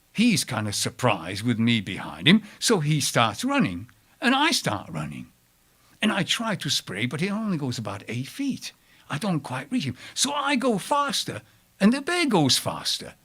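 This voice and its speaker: A man spinning a personal tale for a live audience, slow and deliberate. His fairly high voice leaps and dips all over the place, dropping low and quiet before climbing back up, and he keeps stopping to talk directly to his listeners. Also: slightly rough. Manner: animated, wide swings in pitch and loudness; chatty asides to the audience. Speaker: storyteller. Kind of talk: live oral storytelling. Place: storytelling event before an audience.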